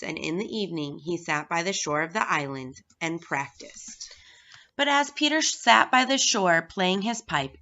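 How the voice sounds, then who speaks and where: A school staff reader, a woman with a fairly low, bright and forceful voice, reads a children's story aloud from a script. The recording sounds dull and lo-fi.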